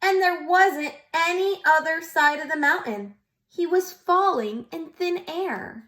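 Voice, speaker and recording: Her voice is very high-pitched as she, a preschool teacher, reads aloud from a picture book to little children. She reads with expression, breaking off to quiz her listeners.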